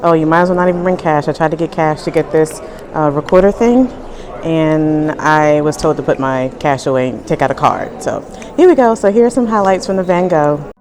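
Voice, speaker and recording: A woman's voice: low-pitched, animated, a little fast, crowd noise. Chatty woman vlogging on the move. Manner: chatty, upbeat commentary while walking. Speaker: travel vlogger. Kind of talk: casual travel vlog. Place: outdoors and in public transport, on the move. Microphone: handheld camera.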